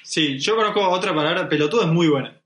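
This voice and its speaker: A young Argentine man with a slightly raised pitch talks casually and agreeably, often chiming in. His voice carries the echo of a reverberant room. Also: fast, a bit bright. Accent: Argentine Spanish. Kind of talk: casual chat. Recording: echoey room.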